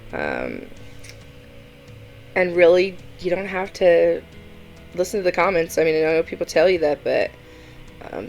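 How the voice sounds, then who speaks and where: A woman's voice: lowish voice, fairly bright tone, low-quality recording. A woman hosting a reaction video, chatting casually and giving her opinions with many fillers.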